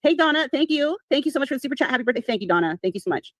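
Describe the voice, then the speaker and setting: A woman's voice: sits high, expressive, very fast, a bit bright, no room sound. A woman hosting a casual livestream chat, sarcastic and swearing freely as she talks. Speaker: livestream host.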